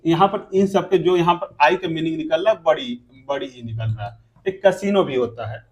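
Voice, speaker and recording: A man teaching an English pronunciation lesson who keeps asking rhetorical questions, answers them himself, and repeats example words slowly. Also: a little high. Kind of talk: classroom grammar lesson.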